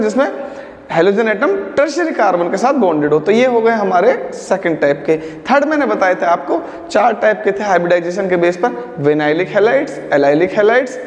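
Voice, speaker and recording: A man teaching a chemistry lecture in speech, mixing English terms and playfully scolding students. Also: sits high. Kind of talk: classroom lecture. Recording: echoey room with long reverb.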